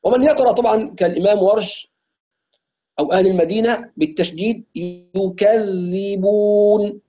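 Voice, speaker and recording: A high-voiced man with an Egyptian accent teaches Quran recitation, pausing to chant slow, drawn-out examples. His tone is mellow and warm, and the audio is a bit dull and lo-fi. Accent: Egyptian Arabic. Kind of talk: online tajweed lesson.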